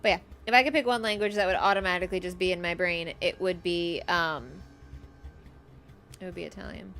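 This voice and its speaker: A woman's voice: lowish voice, fairly even intonation, fairly quick, fairly bright tone, soft background music. A woman streaming a game live, chatting casually, reading chat aloud and laughing often.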